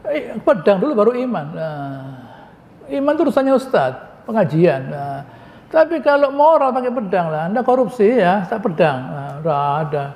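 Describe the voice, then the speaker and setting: A man gives a Quran commentary lecture in a mosque, his voice pitched high. He keeps it conversational, posing questions and answering them himself, with joking asides. A long hall reverb trails behind every phrase. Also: very animated, normal speed, a little mellow. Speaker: Islamic preacher.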